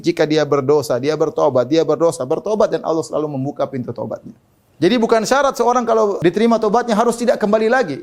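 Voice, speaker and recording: A man preaching a sermon, dropping low for quoted voices and rising high for emphasis. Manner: animated, pitch swinging between low quoted voices and high emphatic lines.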